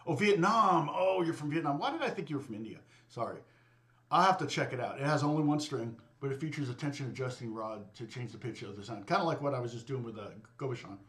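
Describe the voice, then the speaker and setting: Talking with his livestream viewers, this middle-aged U.S. guitar teacher wanders from point to point, interrupting himself and laughing at his own slips. He keeps stopping and restarting sentences. His mid-range voice is animated and a bit bright.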